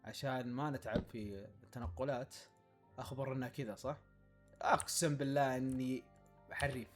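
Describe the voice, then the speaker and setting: A gaming YouTuber with a medium-pitched voice and a fairly quick pace chats through a casual let's-play. Faint game music sits in the background while he playfully, excitably talks to himself and to his game's animals.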